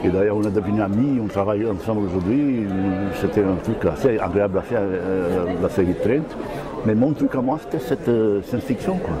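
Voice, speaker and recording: An older man with a Brazilian Portuguese accent speaks in a low voice, answering interview questions. He hesitates, searches for words and restarts his phrases. A loud crowd murmurs behind him outdoors. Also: fairly quick. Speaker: comic book author.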